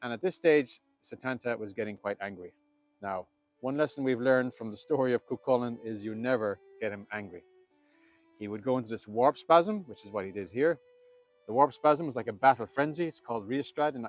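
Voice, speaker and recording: A man's voice: medium pitch, fairly quick. An Irish man tells an old legend in a lilting storyteller's manner. His delivery is dramatic and spoken as oral tale-telling. Instrumental music plays faintly behind him. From Ireland.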